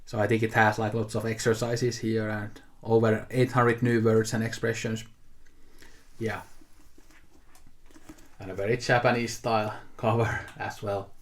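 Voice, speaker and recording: This young man, whose first language is Finnish, chats unscripted to camera while showing a haul. His voice is lowish and flat, unhurried, with frequent pauses, and his easygoing, rambling style is full of fillers and restarts.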